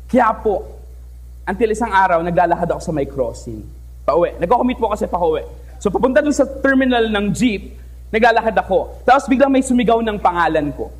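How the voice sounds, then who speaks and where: A young man from the Philippines telling a personal story to a live audience on stage, playful and talkative, often asking the crowd questions. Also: sits high. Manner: lively, playful, switches between languages, asks the audience questions. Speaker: teacher giving a talk. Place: stage in an event hall.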